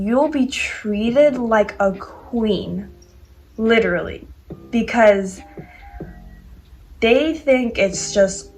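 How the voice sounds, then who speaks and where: In poor audio with faint music behind her, a teenage vlogger from the US chats casually on camera. Her voice is on the high side, and she uses plenty of "like" and "um" fillers.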